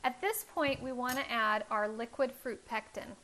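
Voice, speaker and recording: A woman's voice: fairly high pitch, normal speed, bright, forceful tone. A woman in her thirties hosting a home cooking show, explaining each step in a friendly instructional way from her kitchen on a lapel mic. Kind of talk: cooking demonstration.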